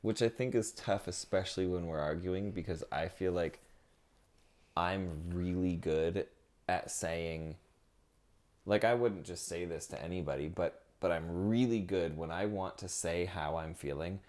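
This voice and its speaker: Low-voiced young man chatting casually. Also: measured pace, a little mellow. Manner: rambling, frequent "like" fillers, openly emotional. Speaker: podcast co-host. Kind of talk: casual chat with partner.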